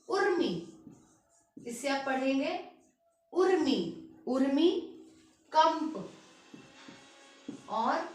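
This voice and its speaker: A woman school Hindi teacher giving a lesson, reading out word lists slowly and stressing each word and its spelling. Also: high-pitched, reverberant. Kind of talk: online class lesson.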